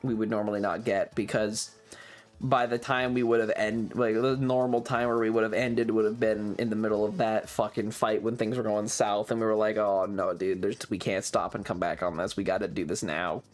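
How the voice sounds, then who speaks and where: A livestreamer with a lowish voice and little pitch movement chats casually with his viewers at a moderate pace. He tells stories emphatically and animatedly, swearing heavily and repeating phrases. Soft music plays in the background.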